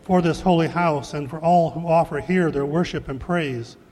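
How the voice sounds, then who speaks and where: A man leading church liturgy as pastor, praying in solemn, formal, measured phrases in a cathedral-like echo. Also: a little high, loud music behind the voice. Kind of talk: liturgical prayer recitation. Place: large reverberant church.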